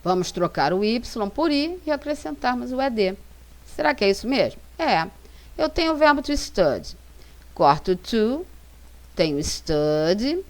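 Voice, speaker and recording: A Brazilian woman with a Brazilian Portuguese accent, an English teacher narrating a slide lesson and reading example sentences slowly and carefully. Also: on the high side, sing-song. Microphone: voice-over for slides.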